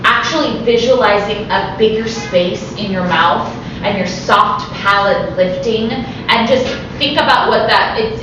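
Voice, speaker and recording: A woman's voice: medium pitch, highs cut off. Echoey, chatty woman teaching belting. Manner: upbeat, chatty, demonstrates sounds. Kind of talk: group vocal lesson. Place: rehearsal studio with mirror. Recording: echoey room from far off with noise.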